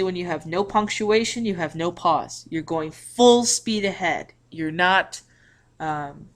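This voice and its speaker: A woman teacher with a fairly low voice explains a lesson to her class in a recorded video. She talks slowly and carefully and often restarts her phrases. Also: a bit bright. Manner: slow, deliberate explaining with restarts.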